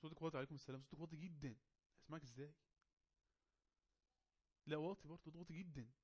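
Fast-talking Egyptian man coaxing his class. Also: fairly high pitch, darkish tone, husky. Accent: Egyptian Arabic. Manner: coaxing, teasing students to speak up. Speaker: teacher running an online English class. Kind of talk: casual online class moderation.

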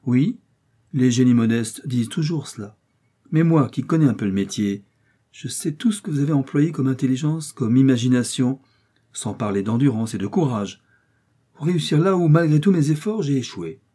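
A man voicing a shrewd, effusive French detective in an audiobook, speaking in an animated way. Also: mid-range voice, moderate pace, husky, pitched above the performer's own voice. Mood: flattering. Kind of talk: audiobook character reading.

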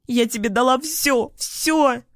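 A man voicing a volatile, clingy young woman in an audiobook, given to shrill screaming outbursts. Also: measured pace, dry recording, clean studio sound. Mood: furious. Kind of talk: audiobook character voice.

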